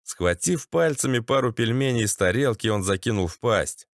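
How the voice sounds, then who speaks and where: Brief: male audiobook narrator, gritty and sardonic, mid pitch, dry close recording. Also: expressive, moderate pace, no room sound. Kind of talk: first-person audiobook narration.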